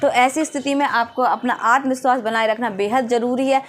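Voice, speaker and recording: A woman's voice: fairly high pitch, steady tone, brisk, a little hiss or hum. A young woman vlogger giving earnest, coaching advice on interview preparation in a casual way. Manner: earnest, coaching, often asks "है ना?".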